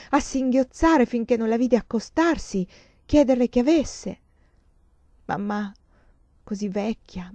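A woman reading a literary novel aloud as an audiobook, shifting between hushed and louder passages. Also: fairly high pitch, no room sound, lo-fi sound. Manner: expressive, swings between hushed and loud passages. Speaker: reader of a novel.

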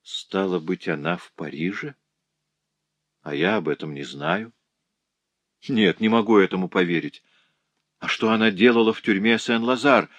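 Casting: a man as a composed, kindly gentleman, low and measured, dry close recording. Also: no room sound, muffled recording, lightly acted. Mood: surprised. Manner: measured, reassuring. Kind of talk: audiobook character voice.

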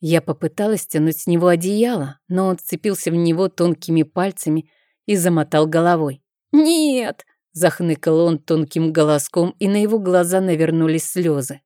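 A woman reading a first-person audiobook in a gentle, measured storytelling manner. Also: lowish voice, steady tone, no echo, studio quality. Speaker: audiobook narrator.

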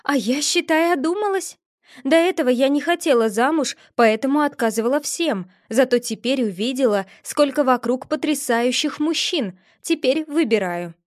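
A haughty young princess, as a woman reads her, pitched well above a plain speaking voice and quick to flare into temper. She sounds high and sharp-edged, and the recording is close and dry, with no room sound. It is an audiobook character voice. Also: lively intonation, dry recording. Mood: coy. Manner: sweetly innocent, then shrill and furious.

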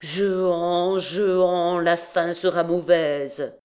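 A woman reading an audiobook, voicing a severe older male archdeacon who admonishes curtly and gravely. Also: lowish voice, steady tone, drawn-out words, darkish tone. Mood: stern. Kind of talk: audiobook reading of a classic novel.

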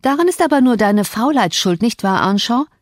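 Woman narrator playing a sneering, prissy teen boy in an audiobook, somewhat raised pitch. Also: animated, normal speed, no room sound, clean studio sound. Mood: mocking. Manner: mocking, prissy. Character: sickly, sneering teenage boy.

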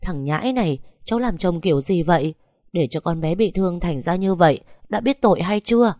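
A woman's voice: on the low side, animated, a little fast, warm tone, dry recording, studio quality, natural voice. A woman voicing a doting, fierce grandmother over eighty, who fusses and scolds. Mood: scolding. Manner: fussing, scolding.

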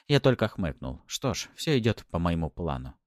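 A man's voice: low-pitched, big pitch swings, moderate pace, dry recording, clean studio sound. A man narrating an audiobook with wry first-person storytelling.

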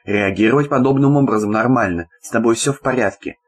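A man's voice: mid-range voice, quick pace, slightly rough, lightly acted. A man reads the part of a stern middle-aged boss, dry and blunt, who lectures his young worker in a plain, level storybook voice. He keeps the sarcasm understated rather than theatrical. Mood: calm.

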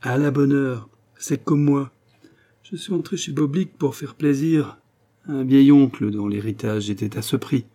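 A man voicing a lively, carefree young poet who talks with enthusiasm. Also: medium pitch, unhurried, voice pushed up, close to an everyday voice. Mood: mocking, ardent. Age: young adult. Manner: enthusiastic, raised voice.

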